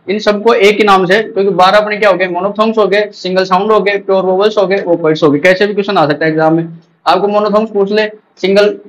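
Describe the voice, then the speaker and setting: A man's voice: high-pitched, a bit bright, poor audio. A man from India, teaching an exam-prep lecture and drilling students with repeated questions and answers.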